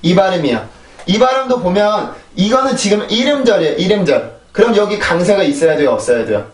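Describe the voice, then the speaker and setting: A man's voice: high-pitched, lively intonation, brisk. A man teaching English pronunciation, explaining step by step and repeating drill words three times. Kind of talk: pronunciation lesson. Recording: echoey room, voice a bit far from mic.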